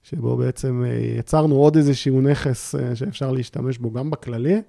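A man speaking as a podcast guest, explaining a volunteer memorial project in a halting, searching way with frequent pauses. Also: mid-range voice, steady tone, vocal fry, dark tone, dry recording, clean studio sound. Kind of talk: casual conversation.

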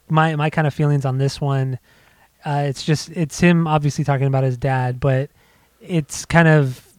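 Breathless male podcast co-host, mid pitch, loose rambling delivery, dry close sound. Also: no room sound. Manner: rambling, many restarts and fillers. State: out of breath after a bike ride. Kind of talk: casual music podcast chat. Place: home.

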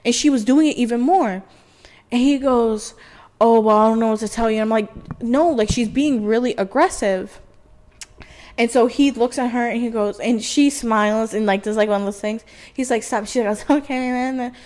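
A young woman in her twenties, chatting on a podcast with a fairly high voice. She tells stories in an animated, profane rush, swearing freely and leaning on "like" again and again. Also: moderate pace, poor audio. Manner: profane, animated storytelling with heavy filler "like". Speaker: podcast co-host. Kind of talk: casual storytelling chat.

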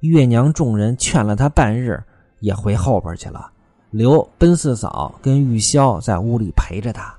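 A man narrating a classic tale in traditional storytelling style, lively and with wry asides. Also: medium pitch, moderate pace, soft background music.

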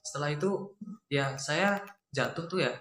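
A young man telling a ghost story from his childhood in a quiet, rambling, casual way, acting out what his family said. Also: fairly high pitch, normal speed. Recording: echoey room with faint noise.

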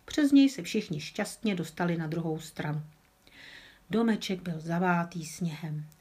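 A woman calmly reading a children's story aloud, with an occasional small slip of the tongue. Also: on the low side, husky. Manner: calm, with small slips.

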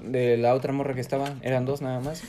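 A man's voice: medium pitch, little pitch movement, fast, background noise. A young man with a Mexico City Spanish accent, hosting a podcast and telling a crude, slang-heavy anecdote in casual chat, often laughing. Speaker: podcast host.

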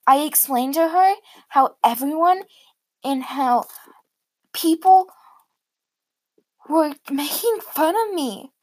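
Slow earnest woman storyteller. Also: high-pitched, animated, darkish tone, no echo, rough recording. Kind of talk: first-person story read aloud.

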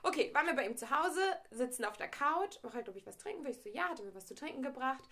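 A woman's voice: high-pitched, lively intonation, fast, pushed and bright. A young woman in casual podcast chat, animatedly retelling a date and acting out both sides of the dialogue. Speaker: podcast co-host.

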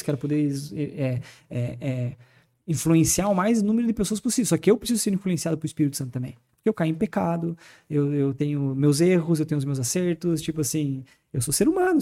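A man with a Brazilian accent, a podcast guest, telling stories in a fast, animated way in a studio. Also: on the high side. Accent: Brazilian Portuguese. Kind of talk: casual podcast talk on faith.

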